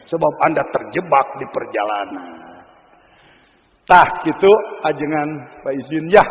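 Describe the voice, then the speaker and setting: A high-pitched man with a Sundanese accent delivers a sermon in a hall with long reverb. He swings dramatically between loud exhortation and hushed, confiding asides. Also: lo-fi sound. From West Java, Indonesia. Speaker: preacher.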